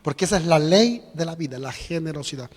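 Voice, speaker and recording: A man preaching a sermon as pastor, animated and emphatic, acting out quotes and repeating phrases. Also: fairly high pitch, a little fast. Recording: long reverb of a church hall.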